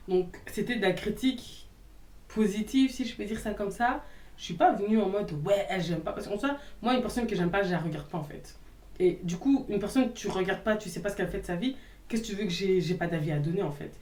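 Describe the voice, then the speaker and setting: A young woman talks straight to her viewers, sassy and outspoken. Her voice sits at a medium pitch for a woman. It sounds a little distant from the mic, in a room with plenty of echo. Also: a little fast, a little mellow. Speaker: YouTuber answering hater comments. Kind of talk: casual vlog chat.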